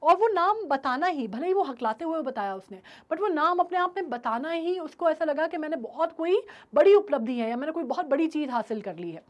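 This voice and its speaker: Woman tutor, high voice, walks students thru the story, keeps asking right?. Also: expressive, brisk, hardly any pauses. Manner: retells in a mix of Hindi and English, checks in with "right?". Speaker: English teacher. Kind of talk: explaining a story in a recorded class.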